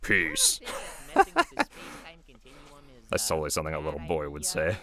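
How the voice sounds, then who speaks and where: Rumbling low with little pitch movement, this voice keeps a normal speed. The creator and voice actor, an American from the United States, rambles casually over his own video and runs himself down good-naturedly.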